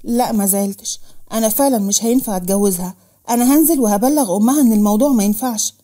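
A woman voicing a stern older man, a father and guardian, with an Egyptian accent and a firm, calm manner, in a storybook reading. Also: on the high side, rapid-fire, close to an everyday voice.

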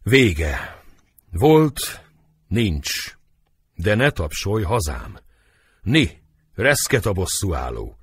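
A wronged nobleman bursts out in raised, husky cries of fury and grief, as a man reads him. The audiobook voice is dry and close, swinging widely in pitch. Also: very animated, pauses often, no echo, heavily acted. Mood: anguished. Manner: vehement, anguished outbursts. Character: furious wronged Hungarian nobleman, grief-stricken. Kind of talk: dramatic audiobook reading.

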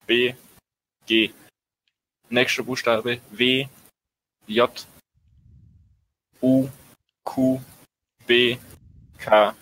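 Male let's-play host, bright tone, measured pace, barks out codes and curses casually. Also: mid-range voice, a little hiss or hum, poor audio. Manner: calls out numbers and letters in bursts, swears under stress. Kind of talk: casual gameplay chat.

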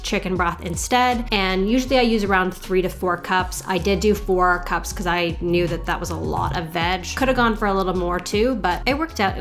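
A woman's voice: medium pitch, a bit bright. A young woman in her twenties chatting casually while cooking in her home kitchen, upbeat and filling her talk with "like". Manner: chatty, upbeat, says "like" often. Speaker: lifestyle vlogger. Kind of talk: casual cook-with-me vlog.

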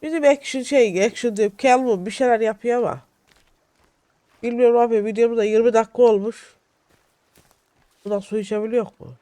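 Young male let's-play host, excitable and jittery, bright high register, dry close sound. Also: a little fast, long pauses, smooth, dry recording. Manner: excitable, shouting at game companions, jittery. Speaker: gaming YouTuber. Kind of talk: solo let's-play commentary.

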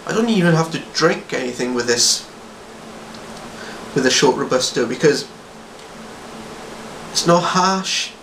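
A man reviewing a cigar in an unhurried, savoring way while talking around the cigar in his mouth. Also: fairly high pitch, lively intonation, creaky, fairly bright tone, reverberant, a little hiss or hum, rough recording. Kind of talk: casual review talk.

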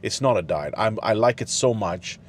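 A middle-aged man chatting to camera from a parked car into a handheld mic, halting with many fillers. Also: fairly low pitch, expressive, slight background noise. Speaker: dad in a family gym vlog. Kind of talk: casual talk to camera. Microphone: handheld fluffy wireless mic.

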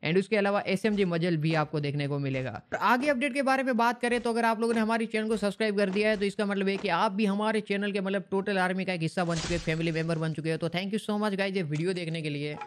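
A man's voice: high voice, fast, few pauses, a little hiss or hum. Chatty man hosting a gaming vlog. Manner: chatty, colloquial, keeps rephrasing himself; addresses viewers as brother and guys. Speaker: gaming channel host. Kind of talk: casual gaming update vlog.

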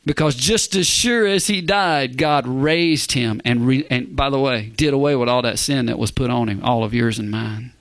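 A male pastor preaching a verse-by-verse sermon, emphatic, often asking the congregation "Amen?" and dropping to a hushed whisper for emphasis. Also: medium pitch, moderate pace, few pauses, no echo.

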